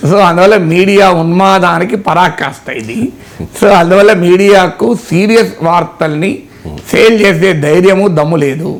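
A man giving political analysis, emphatic and ironic, piling up rhetorical questions. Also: high voice. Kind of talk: spoken political commentary.

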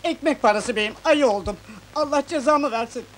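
High-voiced, whiny, dim bear-suit man for an old comedy film, noisy track. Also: moderate pace, fairly bright tone. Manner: whiny, childlike complaining. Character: simple-minded man in a bear costume.

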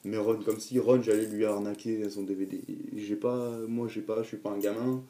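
A man's voice: fairly low pitch, level tone, normal speed, dark tone. An eighteen-year-old man vlogging casually, rambling with many restarts, fillers and aggrieved asides.

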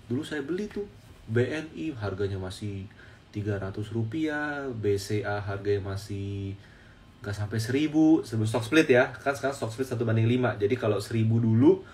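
A man's voice: lowish voice, moderate pace, a little mellow, distant mic, a little hiss or hum. A man, a stock trading educator, telling a story in casual explanatory talk and often repeating his phrases for emphasis. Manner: storytelling, repeats phrases, addresses viewers as friends.

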